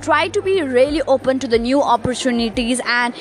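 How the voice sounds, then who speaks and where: A young woman with a Nepali accent hosts a casual solo motivational podcast, her high-pitched voice brisk and upbeat. She uses lots of fillers and restarts, and there is slight background noise.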